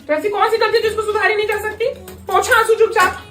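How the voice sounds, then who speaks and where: Woman actor: bright, high-pitched, fussy mother-in-law, barking quick orders. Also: flat delivery. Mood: coaxing. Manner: scolds and fusses in quick commands. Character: doting, bossy Indian mother-in-law. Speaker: comic sketch actor. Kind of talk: comedy sketch acting.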